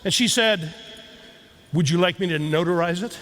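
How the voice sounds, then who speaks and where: A man's voice: high-pitched, normal speed. A man giving a keynote talk, telling a story and leading the audience in drills. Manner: animated, leads audience drills. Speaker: keynote speaker. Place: large hall before a live audience.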